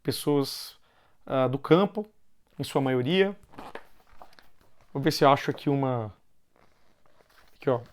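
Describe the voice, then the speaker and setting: A man with a Brazilian Portuguese accent, giving an informal explanatory talk and often ending phrases with a questioning "né". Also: mid-range voice. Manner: loosely paced with pauses and restarts.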